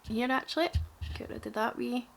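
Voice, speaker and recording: A woman's voice: fairly high pitch, fairly quick, creaky, a bit bright. A young woman with a broad, strong Glaswegian Scottish accent, chatting casually and self-deprecatingly to camera in an informal, rambling makeup tutorial. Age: young adult. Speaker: beauty vlogger.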